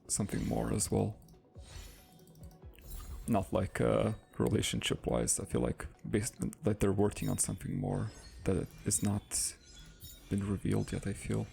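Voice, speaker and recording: Male let's-play host, deep, very gravelly, rambling casual commentary. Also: dark tone. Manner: rambling, thinking aloud, reading on-screen text.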